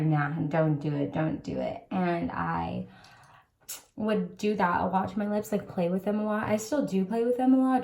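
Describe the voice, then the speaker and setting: A young woman talks casually to camera from her bedroom, with a slight lisp. Her pitch sits in an ordinary middle range. She rambles loosely, full of ums and likes, like a personal vlog. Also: warm tone. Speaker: vlogger.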